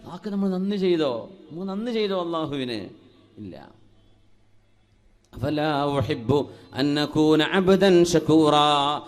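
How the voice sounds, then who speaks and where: A man preaching a sermon who chants Arabic verses slowly in a sung recitation and drops to quiet questions for the audience. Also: high voice. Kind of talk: Islamic sermon.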